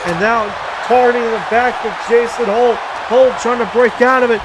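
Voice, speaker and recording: A man calling play-by-play as a wrestling commentator, excited and exclaiming dramatically. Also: very high-pitched, normal speed. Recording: music and crowd noise behind.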